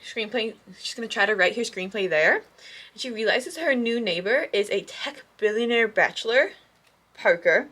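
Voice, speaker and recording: A woman with a fairly high voice chats at home about her reading plans. She talks casually and gushes with excitement, and her speech is full of fillers. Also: husky. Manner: gushing, excitable, chatty with many fillers. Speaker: book vlogger. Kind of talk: casual chat.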